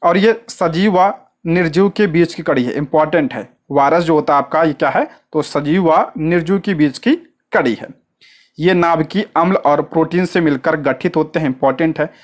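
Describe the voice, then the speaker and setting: A coaching teacher giving an exam-prep lecture, asking quick questions and answering them at once, with frequent short check-ins and repeated stress on key points. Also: mid-range voice.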